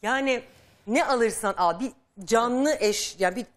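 A woman's voice: fairly high pitch, a little slow. A woman hosting a television talk show in a studio, talking guests through a family dispute in a firm, reasoning way.

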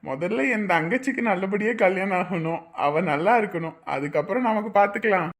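A woman in a family drama, talking gently and reassuringly. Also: mid-range voice, fairly quick, natural voice. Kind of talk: dubbed family serial drama.

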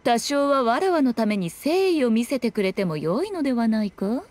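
A woman voices a sly, haughty fox shrine priestess in game dialogue, speaking in an archaic, lofty, unhurried manner with a teasing edge. Her voice is fairly high and sing-song with a darkish tone. The recording is dry, with game music playing behind her.

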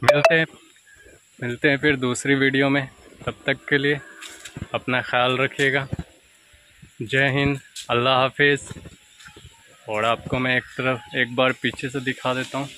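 A young man narrates his walk around a village market into a phone held at arm's length. His tone is bright and forward as he chats easily and points things out to viewers. Faint outdoor ambience runs under the voice. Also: medium pitch, level tone, measured pace, pauses often, a little hiss or hum, rough recording. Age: young adult. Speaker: vlogger. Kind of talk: casual walking vlog.

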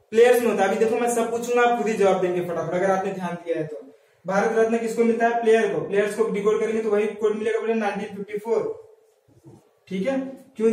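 A high-pitched man teaches a lesson on memory tricks. He keeps asking questions and answering them himself, repeating each key word. His voice sits well back from the mic and rings around a very echoey room. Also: a little mellow, distant mic.

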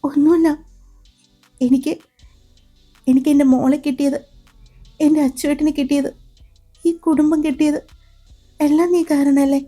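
A woman voicing a gentle young wife in a storybook, speaking in a halting, emotional way. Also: sits high, soft background music. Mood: tearful.

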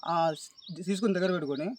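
A man with a Telangana Telugu accent giving distressed, halting testimony in an interview, pleading and repeatedly addressing the listener as sir. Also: high-pitched, slight background noise. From Telangana, India. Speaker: complainant describing police abuse.

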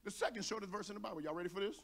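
Male pastor with a light Texan accent, high voice, lively preaching, shouts and jokes in a church. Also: very fast, creaky. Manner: animated preaching, shouting at peaks, joking with congregation. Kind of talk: sermon. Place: church sanctuary.

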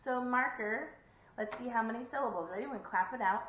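A woman's voice: fairly high pitch, fast talker, a little hiss or hum. A woman teacher giving a video lesson to young children, encouraging and sing-song, clapping out syllables. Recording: echoey room, dull lo-fi sound.

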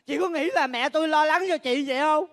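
A performer plays a sharp-tongued younger sibling, scolding in a high voice. The reproaches come in quick rushes. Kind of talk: live stage comedy skit.

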